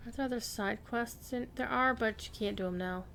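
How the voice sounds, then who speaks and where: A woman's voice: a little high, fairly quick, vocal fry, slight background noise. A woman game streamer giving casual live commentary, musing and thinking aloud as she plays. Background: soft game music.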